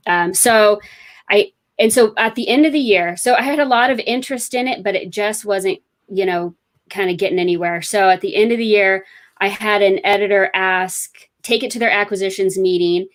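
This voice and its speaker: A woman author, interviewed as a guest, tells her story in a chatty, rambling way packed with fillers. Her voice is medium-pitched, at a moderate pace, in casual interview chat.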